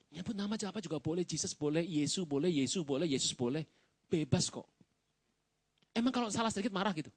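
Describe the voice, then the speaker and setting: A man's voice: high voice, fairly bright tone, no room sound. A male pastor giving a sermon in a church, telling stories casually and acting out the quoted lines. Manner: casual storytelling, acts out quotes and jokes with the congregation.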